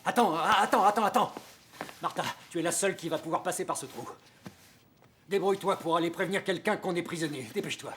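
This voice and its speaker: A man's voice: sits high, fast talker, a bit bright, slight background noise. An actor playing a bossy male teacher who gives curt orders, in a dubbed TV drama. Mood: commanding. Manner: curt and commanding.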